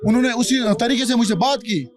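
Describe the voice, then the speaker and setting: A man's voice: very high voice, steady tone, brisk. Defiant Kashmiri man, street interview. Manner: blunt, defiant, repeats himself. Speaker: local resident.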